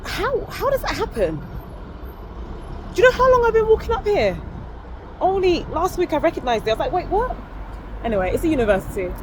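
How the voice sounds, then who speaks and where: On a busy city street, a woman vlogs into the phone held up to her face, her very high voice very animated and brisk but broken by long pauses. She rambles candidly and corrects herself with small laughs. Traffic and street ambience run through the outdoor phone recording.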